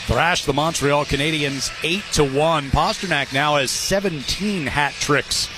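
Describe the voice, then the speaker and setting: An American man calls live hockey on the radio from an arena broadcast position, his fairly high voice moving a little slowly over background noise. As the play-by-play announcer, he brings a dry, wry sense of humour to the commentary.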